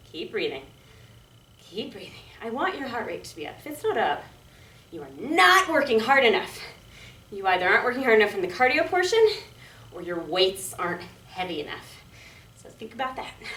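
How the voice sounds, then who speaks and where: High, bright-voiced woman fitness coach, far off. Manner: peppy, encouraging, casual, calling out cues and counts; exerting herself while talking. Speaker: fitness instructor. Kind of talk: workout instruction, coaching along while exercising. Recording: echoey room, distant microphone.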